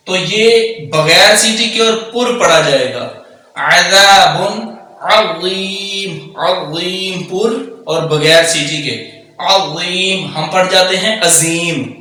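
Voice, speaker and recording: A man teaches Quran recitation, switching between quick explanations and slow, drawn-out recitation. His voice is high and bright. It sounds very echoey, picked up from a distance. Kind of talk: tajweed lesson, explaining and reciting slowly. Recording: very echoey room, distant mic.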